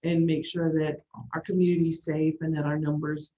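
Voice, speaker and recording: A woman's voice: sits low, level tone, normal speed, mellow. A woman school board member thinking aloud and asking questions during a meeting. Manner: thinking aloud, frequent affirming murmurs. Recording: dull meeting audio.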